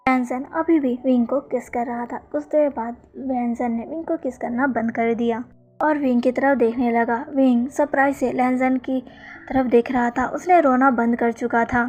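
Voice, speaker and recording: High-voiced woman narrating a story. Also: fairly even intonation, normal speed, a little mellow. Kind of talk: storytelling narration of fan fiction.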